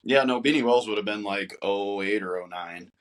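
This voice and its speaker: A man's voice: on the low side, normal speed. A man co-hosting a casual podcast, answering trivia and reminiscing. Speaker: podcast co-host, trivia contestant.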